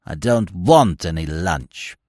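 A man voicing an excitable young gentleman who speaks in a high, agitated way. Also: slow pace, no room sound, studio quality, exaggerated voice. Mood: agitated, sulky.

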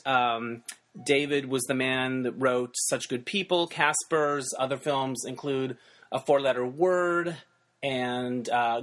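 A man's voice: a little high, a bit bright. A man with a standard American accent, hosting a podcast in a casual, conversational way. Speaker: podcast host.

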